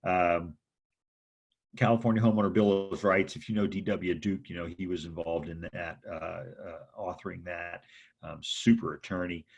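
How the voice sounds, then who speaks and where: A husky-voiced man gives an informal training lecture on real estate contracts. His voice sits a bit low, and he talks chattily, often tagging "okay?" onto his points. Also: steady tone, moderate pace, muffled recording. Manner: chatty, frequent "okay?" and "right?" check-ins.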